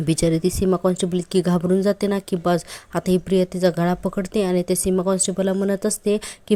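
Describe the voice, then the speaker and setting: Chatty woman recapping a serial, mellow voice. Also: lowish voice. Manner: chatty, addresses viewers directly, animated retelling. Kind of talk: casual episode recap.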